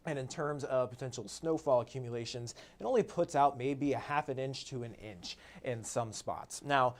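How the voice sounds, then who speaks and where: A man presents a live weather update as a meteorologist, talking in an easygoing, conversational tone. His voice sits at an ordinary middle pitch, and "uh" fillers often break up his sentences. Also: normal speed. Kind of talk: live-streamed weather forecast.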